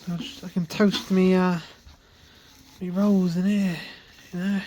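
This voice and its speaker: Inside a small campervan, a van-conversion vlogger narrates casually with many fillers and restarts, in a warm, mid-range voice that's level and measured. The voice sounds a little worn, as if it's going.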